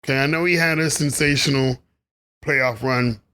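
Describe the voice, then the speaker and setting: A man's voice: mid-range voice, fairly even intonation, normal speed, bright, forceful tone. A man delivering a rambling, opinionated basketball commentary monologue, laughing at his own asides. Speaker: sports commentary vlogger.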